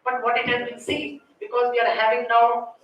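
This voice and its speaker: A woman's voice: a little high, little pitch movement, moderate pace, lo-fi sound. A woman with an Indian accent giving a technical lecture as a conference speaker, explaining step by step and often checking in with short tag questions. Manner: explanatory, often ends points with checking tags like "right?" and "okay". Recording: distant mic, very echoey room, faint noise.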